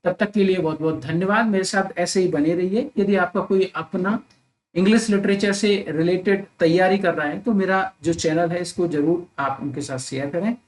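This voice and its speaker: A man teaching English literature for exam prep. He reads short English summary lines slowly, then explains them in Hindi, often checking in with the listener. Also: sits high. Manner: frequent tag questions to the listener. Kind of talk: explaining a novel chapter summary, lecture-style.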